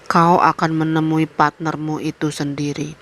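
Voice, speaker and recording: A woman's voice: sits low, normal speed. Paman tua yang bijak dan penuh misteri, dibawakan seorang perempuan. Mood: grave. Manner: calm, grave, knowing. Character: wise older male uncle with mystical knowledge.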